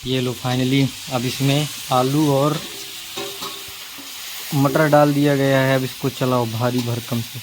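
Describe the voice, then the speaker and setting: A man's voice: medium pitch, little pitch movement, slow, pauses often, noisy background. Chatty teasing man filming cooking. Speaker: vlogger. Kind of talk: casual vlog narration.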